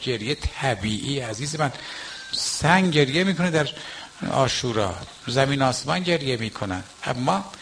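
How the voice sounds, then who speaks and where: Older cleric with a gravelly voice. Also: male voice, medium pitch, slight background noise. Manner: emphatic, swinging between soft asides and raised exhortation. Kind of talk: Muharram mourning-night sermon.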